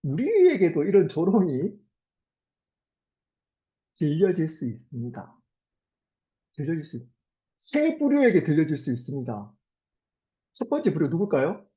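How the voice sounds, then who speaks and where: 교회에서 설교하는 남성 목사로, 억양의 높낮이가 크고 생동감 있게 말합니다. 목소리는 부드럽고 따뜻하며, 회중에게 질문을 던지고 중요한 구절은 천천히 힘주어 말합니다. 녹음은 고음이 다소 먹먹한 저음질입니다. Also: male voice, on the high side, wildly swooping pitch, mellow. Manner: poses rhetorical questions to the congregation; earnest, with slow emphatic phrases. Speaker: pastor. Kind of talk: sermon. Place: church sanctuary. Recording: dull lo-fi sermon recording.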